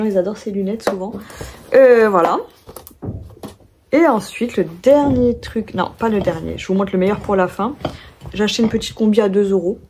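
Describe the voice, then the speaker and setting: A woman's voice: mid-range voice, a little mellow, slight background noise. A young French woman chatting casually in a haul vlog, telling stories with many fillers and restarts. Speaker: vlogger.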